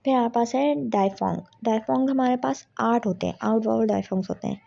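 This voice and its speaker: A woman's voice: on the high side, a little fast, vocal fry, mellow. A young woman gives an exam revision lecture, explaining step by step and mixing in English terms. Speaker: tutor. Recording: dull lo-fi audio.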